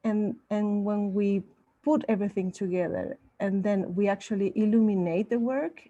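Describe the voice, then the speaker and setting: A woman's voice: medium pitch, fairly even intonation, normal speed, warm tone, muffled recording. A woman artist from Chile, speaking with many halts and restarts at an online panel. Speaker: artist guest.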